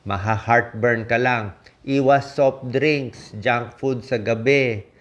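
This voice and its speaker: A man's voice: medium pitch, steady tone, takes it slowly. A man from the Philippines, a doctor giving health tips in a casual, emphatic talk, often checking in with his listeners. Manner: punchy, emphatic list-giving with frequent "di ba?" checks.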